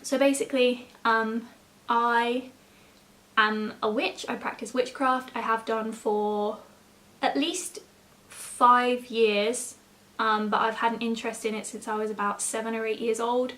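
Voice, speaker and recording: A young woman with a voice pitched a little high. She talks as a YouTuber in casual storytime mode, informal and rambling, often breaking off into small asides. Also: steady tone, a little slow, a bit bright.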